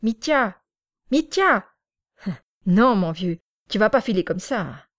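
A woman reading an audiobook, voicing an angry, threatening young village man who shouts accusations. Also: on the low side, moderate pace, natural voice. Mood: furious.

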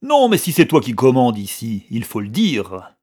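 A man doing a gruff brutish card player. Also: mid-range voice, takes it slowly. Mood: angry. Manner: gruff and blunt, loud when crossed. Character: brutish burly male card player, drinker.

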